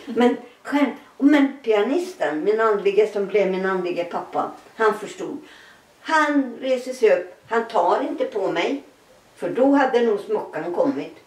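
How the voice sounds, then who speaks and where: A middle-aged woman giving a personal testimony in an interview, telling her story with animated, laughing re-enactments of dialogue. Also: mid-range voice, roomy sound, distant mic, rough recording.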